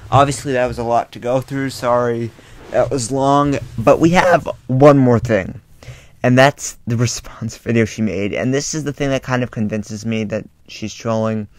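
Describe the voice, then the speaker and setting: A man's voice: medium pitch, moderate pace, darkish tone, no echo. A man in his bedroom, talking casually and with exasperation in a rambling commentary vlog full of fillers. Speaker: YouTube commentator.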